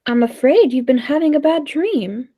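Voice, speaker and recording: A woman's voice: high voice, expressive, moderate pace, warm tone. A woman playing a polite, timid and skeptical dinner guest in a 1940s-style radio play, hesitant and deferential, given to exclaiming. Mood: nervous, doubtful.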